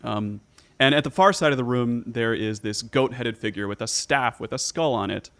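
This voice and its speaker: A man's voice: medium pitch, normal speed, fairly bright tone. A man improvising descriptive narration as game master of a tabletop game, searching for his words as he goes.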